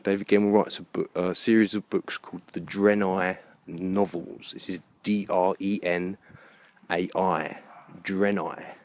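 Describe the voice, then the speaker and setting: This is a rambling, spoken-thought walking vlog about books, recorded outdoors in a park with noticeable background noise. The man speaks in a low voice with little pitch movement, musing and halting, pausing between phrases as he thinks aloud.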